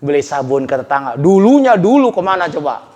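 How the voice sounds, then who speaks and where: A man preaches in a casual, lively way, calling out to his listeners as he goes. His voice sits fairly high for a man. It rings with the long echo of a large hall. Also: fairly quick. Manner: animated, colloquial, addressing listeners as Pak, with laughter. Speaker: Islamic preacher. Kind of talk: sermon. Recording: echoey hall recording.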